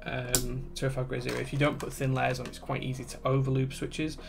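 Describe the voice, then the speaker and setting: A man with a broad Yorkshire accent chatting casually as he hosts a livestream, relaxed and conversational. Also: mid-range voice, brisk, vocal fry, noisy background. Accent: broad Yorkshire English. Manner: relaxed, conversational, reading out chat comments. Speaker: livestream host and keyboard builder.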